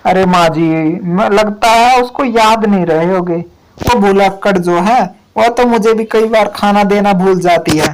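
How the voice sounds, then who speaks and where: A dutiful male crow son in a cartoon, gentle and reassuring, as a woman puts him on. His voice sits at a middling pitch, a little higher when he is worried. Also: measured pace, slight background noise, close to an everyday voice, low-quality recording. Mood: caring. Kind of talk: cartoon voice acting.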